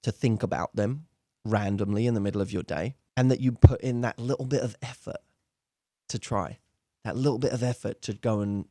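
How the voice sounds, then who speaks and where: On a dry, studio-quality recording, a dating coach and host with a lowish, somewhat mellow voice gives emphatic advice directly to his viewers. Now and then he acts out example dialogue to make his point.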